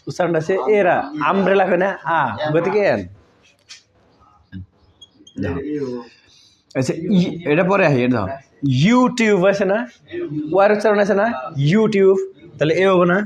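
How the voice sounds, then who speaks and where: Guy teaching grammar, kinda high voice, slightly muffled audio. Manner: conversational, asks pupils checking questions. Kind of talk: informal classroom explanation.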